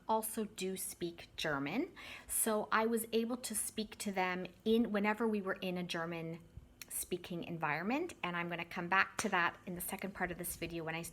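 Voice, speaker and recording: In a mid-range, slightly bright voice, a thirtysomething Canadian English teacher talks casually to the camera for her YouTube channel. Her friendly, chatty delivery speaks straight to viewers, and she corrects her own wording as she goes.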